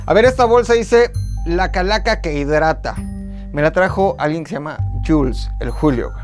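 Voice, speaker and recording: A man's voice: on the high side, animated, moderate pace, soft background music. A man with a Mexican accent hosting a joking podcast, playful and slangy with theatrical turns. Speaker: podcast host.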